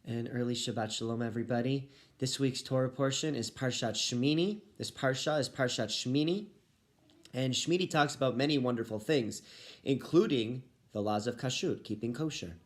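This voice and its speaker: A man's voice: medium pitch, moderate pace. A man speaking as a rabbi, giving a short Torah talk addressed to children and families.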